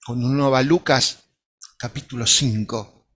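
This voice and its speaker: A man's voice: medium pitch, fairly even intonation, normal speed, fairly bright tone. A man preacher giving a sermon, retelling a scene with earnest, imaginative storytelling.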